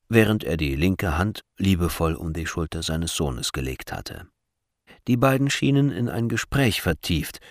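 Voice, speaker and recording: A man narrating a storybook in a lively, dramatic way. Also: low voice, no echo, studio quality. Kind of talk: storybook reading.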